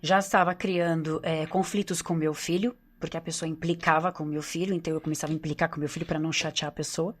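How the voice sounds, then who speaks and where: A woman's voice: sits low, flat delivery, fast, few pauses. A woman with a Brazilian accent, a doctor who runs a nutrition clinic, telling her personal story as a podcast guest in an earnest, confiding way, often tagging her sentences with "né?" and repeating phrases.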